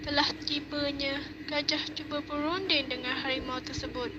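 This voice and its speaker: A young woman, narrating a puppet show in a steady storytelling manner. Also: sits high, moderate pace. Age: young adult. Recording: dull noisy home recording.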